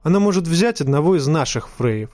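Man playing a patient elderly knight advising a young lord, measured delivery, dry recording. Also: fairly high pitch, expressive, dry recording, close to an everyday voice. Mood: thoughtful. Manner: measured, gently reproving. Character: grave old knight, a patient mentor.

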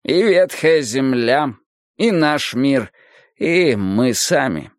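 A man voicing a calm, gently sorrowful philosophical teacher in an audiobook, with slow, measured, lecturing speech. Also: mid-range voice, no echo, clean studio sound, voice pushed up. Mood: musing. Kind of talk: audiobook character reading.

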